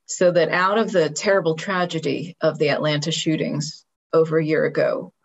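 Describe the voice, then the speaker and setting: A woman speaks in a measured, thoughtful way, laying out a string of ideas as a panelist at an online symposium. Her voice sits a little low, and the call audio sounds dull and lo-fi.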